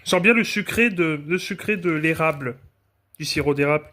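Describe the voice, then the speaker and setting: A man's voice: a little high, brisk, sharp tone. A young man from France rambling casually through a food-tasting vlog, often correcting himself mid-sentence. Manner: rambling, chatty, frequent self-corrections. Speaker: food vlogger.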